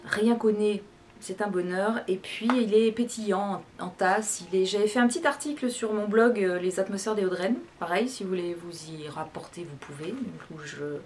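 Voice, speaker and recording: A woman's voice: medium pitch, normal speed, darkish tone, a little hiss or hum. A woman chatting casually about teas she drinks, hesitating often with fillers and restarts. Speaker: tea vlogger. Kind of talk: casual product review. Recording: background music.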